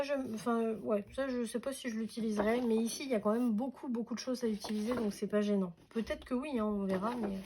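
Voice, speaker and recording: A woman's voice: mid-range voice, a little mellow, a little hiss or hum. A woman chatting casually through a craft unboxing, hesitant, with many fillers and restarts. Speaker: craft vlogger.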